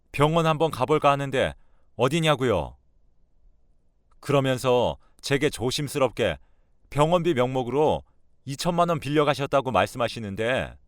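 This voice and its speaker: A man's voice: medium pitch, no room sound, studio quality, voice pushed up, close to an everyday voice. A man voicing a grown son who urgently presses his mother with a raised voice in a radio drama.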